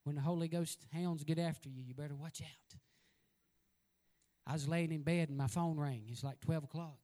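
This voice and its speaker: High-voiced evangelist preaching. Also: male voice, steady tone, normal speed. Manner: folksy storytelling preacher, builds to loud exhortation. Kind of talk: sermon.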